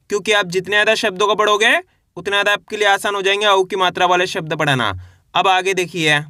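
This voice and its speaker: A high, bright male voice drills words slowly, one syllable at a time, then says each whole word again. He is a patient, encouraging reading teacher. The sound is close and dry, with no room around it. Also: dry recording. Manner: slow syllable-by-syllable, repetitive drilling; encouraging, addresses viewers as friends. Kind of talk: spelling-out reading lesson.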